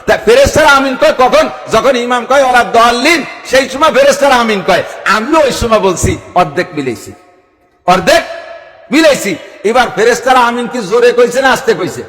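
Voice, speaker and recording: A man's voice: very high voice, a bit bright. A man preaching to a gathering, emphatic and full of rhetorical questions. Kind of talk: sermon at a religious gathering. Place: large outdoor gathering with PA sound. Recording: public address sound with long reverb.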